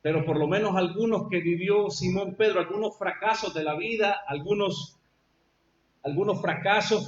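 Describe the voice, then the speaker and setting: A Salvadoran-accented pastor preaches in a high voice, telling the story emphatically and drawing out repeated phrases. The recording has a roomy echo and a dull, lo-fi sound. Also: male voice. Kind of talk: sermon. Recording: echoey dull lo-fi church recording.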